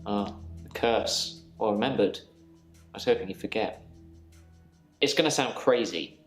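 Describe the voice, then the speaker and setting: A man's voice: on the low side, unhurried, lightly acted. A man playing a haunted, subdued patient. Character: troubled male patient haunted by repeating days. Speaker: interviewed patient in a mystery game. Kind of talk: scripted game dialogue. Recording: roomy with game music.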